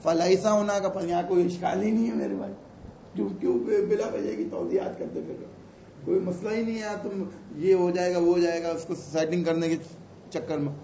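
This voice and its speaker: High-voiced man lecturing in an echoey room. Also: fairly even intonation, vocal fry, mellow, slight background noise. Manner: reads Arabic phrases slowly, then explains casually; chatty, teasing asides to students. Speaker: teacher of religious law. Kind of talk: lecture explaining an Arabic text. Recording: echoey, dull room recording.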